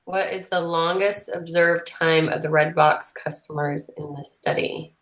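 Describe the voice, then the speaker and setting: A young woman talks on a video call, chatty and full of questions as she works through homework problems. Her voice sits a bit low for a woman. The room around her mic sounds echoey. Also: fairly even intonation, a little slow, a bit bright. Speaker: student in a study group. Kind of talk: casual chat while working problems. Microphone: computer mic on a video call.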